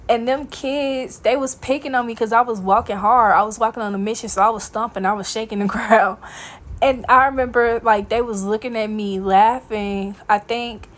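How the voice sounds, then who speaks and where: A young woman, telling a brash, profane, boastful graduation story as a vlog voice-over. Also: medium pitch. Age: young adult. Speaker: vlogger.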